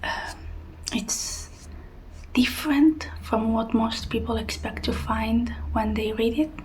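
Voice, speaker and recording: Whispered role-play, woman as a hushed librarian. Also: a little high, slow pace, rough recording. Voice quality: breathy, unvoiced whisper. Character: helpful soft-spoken female librarian suggesting books.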